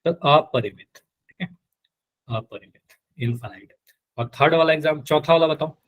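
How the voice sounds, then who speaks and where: Male math teacher, slightly higher voice, patient drills, live online class. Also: normal speed, phone-quality sound. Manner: patient, repeats key terms and quizzes students.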